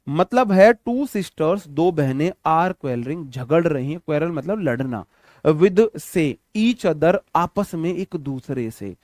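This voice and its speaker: A young male teacher with a Hindi accent walks students through English grammar for an exam-prep class, calling them brother and repeating each point several times. His voice sits a little high for a man. The recording is dry and close, with no room echo. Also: darkish tone. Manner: repetitive, addresses students as brother, asks them questions. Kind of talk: online exam-prep lesson.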